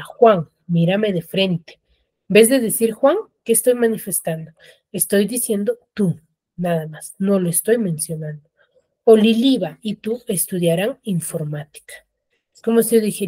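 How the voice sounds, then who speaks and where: A woman's voice: mid-range voice, darkish tone, dry recording, studio quality. A woman teacher giving an online grammar lesson, explaining step by step and often checking that students follow. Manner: explanatory, checks understanding with frequent tags. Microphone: video call.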